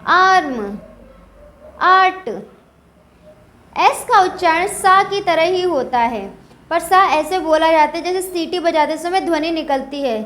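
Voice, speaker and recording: A woman with a high-pitched voice gives a methodical pronunciation lesson. She asks a question, then answers it herself. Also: fairly bright tone. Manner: explains step by step, asks and answers her own questions. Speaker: English teacher. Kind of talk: Hindi-medium pronunciation lesson.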